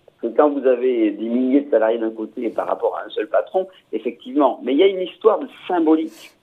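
A man's voice: mid-range voice, expressive, fast, slightly rough. A man giving commentary in a radio discussion, hesitant and often repeating words with many fillers. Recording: tinny phone-line radio sound.

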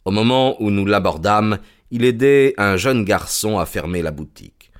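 A man narrating a classic detective story as an audiobook, in a measured literary manner. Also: on the low side, animated.

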